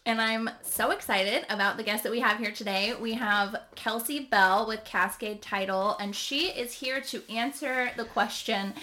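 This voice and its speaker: A woman's voice: on the high side, fairly even intonation, normal speed, few pauses, sharp tone. A woman co-hosting a real estate podcast, talking casually and laughing often as she speaks. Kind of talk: casual chat.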